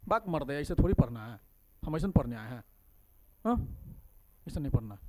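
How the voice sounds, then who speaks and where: A man's voice: medium pitch, sing-song, moderate pace, darkish tone, slight background noise. A man with a Bihari Hindi accent teaching a math class, coaxing students with constant questions in a classroom.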